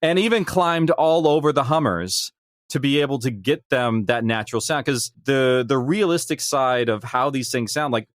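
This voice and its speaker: With a medium-pitched voice at a moderate pace, the same kind of podcast guest, an audio drama creator, reflects on his creative work in an earnest, discursive way. The interview is recorded dry at studio quality.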